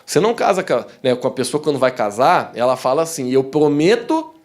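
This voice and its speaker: A young Brazilian man with a southern Brazilian accent, preaching a sermon in a church in a warm, conversational way, often calling the congregation "dear ones" and acting out the voices in his stories. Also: mid-range voice, quick pace. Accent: southern Brazilian Portuguese. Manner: animated storytelling that acts out quoted voices. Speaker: pastor. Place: church hall.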